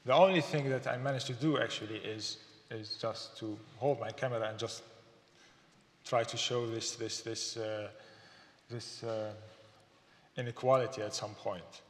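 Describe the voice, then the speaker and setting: A man's voice: mid-range voice, fairly even intonation. Syrian guy giving a talk in a gallery hall, lots of uhs and restarts, big echoey room with long reverb. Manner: thoughtful, halting, with fillers and repeats. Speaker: artist giving a symposium talk. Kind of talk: public lecture.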